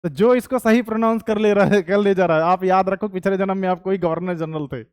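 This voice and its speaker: A man's voice: sits high, fairly quick, a little mellow, clean tone, no echo, studio quality. A young adult man with an Indian accent teaching history to a class, joking with students and slipping between Hindi and English. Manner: jokey, mixes Hindi and English, asks the class questions. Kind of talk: classroom lecture.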